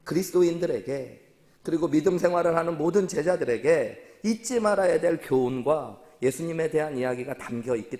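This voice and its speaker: A man's voice: medium pitch, mellow. A man preaching a sermon as pastor, asking his congregation questions and repeating their answers back. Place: church sanctuary. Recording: long church hall reverb.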